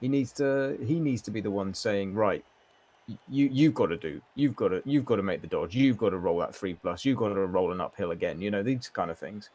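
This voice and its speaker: A man's voice: lowish voice, brisk, darkish tone. A man co-commentating a board game match in a matey, bantering way, often repeating his phrases.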